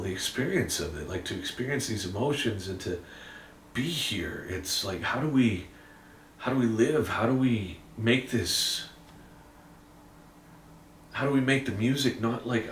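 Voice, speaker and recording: A man candidly reflecting in a casual, rambling monologue, swearing now and then. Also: fairly low pitch. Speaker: musician vlogging an update. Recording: roomy, distant mic with faint ambience.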